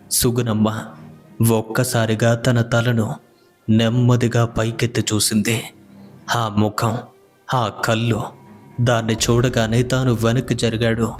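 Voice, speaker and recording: A man narrating a scripted horror story in a measured, even storytelling manner. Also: medium pitch. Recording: faint music behind the voice.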